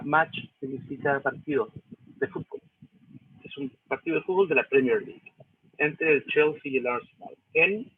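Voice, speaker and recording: A man's voice: a little high, vocal fry, slight background noise. A male English teacher with a Chilean accent explains a reading step by step, often checking with "¿sí?" and "¿cierto?". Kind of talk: recorded lesson walking through a reading. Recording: tinny phone-like lo-fi audio.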